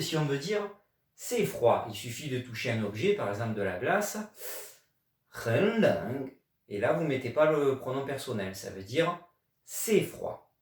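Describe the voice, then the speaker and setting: A man's voice: mid-range voice, distant mic. A man from France teaching a video language lesson, explaining patiently and stressing key words. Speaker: Chinese teacher. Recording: echoey room, voice away from mic.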